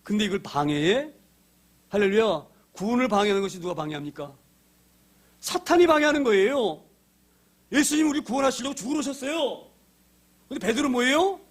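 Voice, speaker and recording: A man preaching an Easter sermon as a pastor, animated, swinging from soft asides to sudden loud outbursts as he acts out quoted words. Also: very high voice, fairly quick, pauses often.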